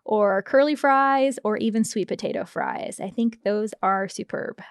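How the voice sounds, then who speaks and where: A woman's voice: mid-range voice, unhurried, clean tone, dry recording, clean studio sound. An American woman reporting farm news in a plain, matter-of-fact way. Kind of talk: casual podcast interview.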